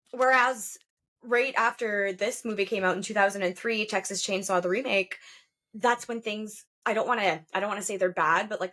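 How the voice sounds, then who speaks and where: Brief: thirties female podcast co-host, mid pitch, easygoing chatter with frequent fillers. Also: a bit bright. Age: 30s. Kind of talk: casual horror movie chat.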